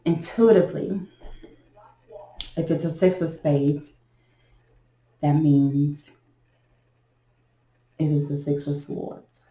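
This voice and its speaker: A woman gives a casual tarot reading, thinking aloud in a slow, halting way. Her voice sits low and sounds mellow. The room is echoey, with a faint noise underneath. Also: fairly even intonation. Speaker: tarot reader.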